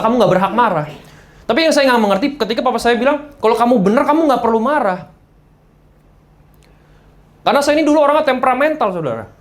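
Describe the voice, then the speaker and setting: Man preaching with a fairly high voice. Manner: mixes in English phrases, acts out quoted voices; addresses congregation directly. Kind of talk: sermon.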